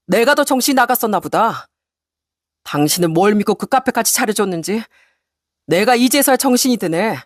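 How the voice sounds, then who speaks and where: A woman's voice: mid-range voice, no echo, studio quality, close to an everyday voice. A woman reading a cold, firm husband. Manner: flat, cold, deliberate. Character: cold, resolute middle-aged husband. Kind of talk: storybook radio narration.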